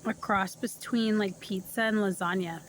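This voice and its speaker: An enthusiastic woman filming a casual cooking vlog, speaking straight to her viewers in an everyday mid-pitched voice. She sounds chatty and excited. A faint background hiss sits under the recording. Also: moderate pace. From Indiana, US. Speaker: family farm vlogger. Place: home kitchen, then outdoors.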